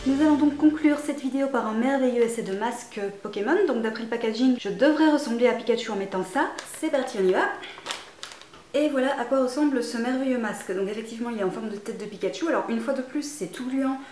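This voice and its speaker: Young woman, vlogger, slightly high voice, self-mocking, crude humor, echoey room. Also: quick pace, darkish tone, soft background music. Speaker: vlogger showing a shopping haul. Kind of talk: casual vlog monologue.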